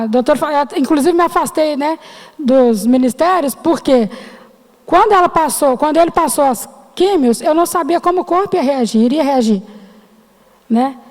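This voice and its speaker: A woman's voice: high voice, darkish tone. A middle-aged woman giving an emotional personal testimony to her church congregation, often turning to address them as brothers and sisters. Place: church hall. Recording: long hall reverb.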